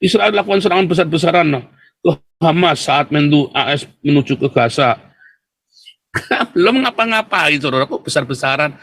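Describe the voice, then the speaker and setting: A man's voice: fairly high pitch, steady tone, a little fast. A man giving sarcastic casual commentary while reading out news headlines, often laughing and talking straight to his listeners. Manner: mocking, sarcastic, keeps addressing listeners as "saudara", laughs often. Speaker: political commentator.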